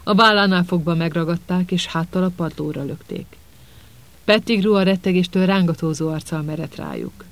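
A man narrating an audiobook with steady, dramatic storytelling. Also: high voice, rough recording.

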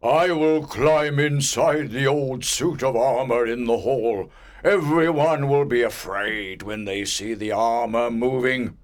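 Grumpy old ghost nobleman, a guy doing the voice, big loud theatrical lines, drawn out slow. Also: mid-range voice, voice pushed up, lightly acted. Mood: scheming. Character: angry vengeful old male ghost nobleman.

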